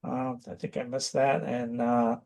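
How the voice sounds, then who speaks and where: A man's voice: mid-range voice, completely flat delivery, a little slow, creaky, a little mellow. A man giving a casual, analytical sports preview in a conversational way. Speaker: sports commentator.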